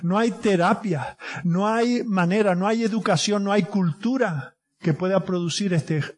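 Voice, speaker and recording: Emphatic male preacher. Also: a little slow. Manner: emphatic, rises in pitch for stress. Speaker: pastor. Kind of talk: sermon.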